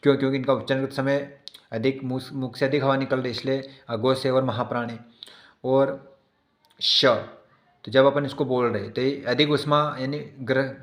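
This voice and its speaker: A man's voice: mid-range voice, steady tone, normal speed, echoey room. A male teacher giving an exam-prep lesson who repeats each definition and keeps checking in with his listeners.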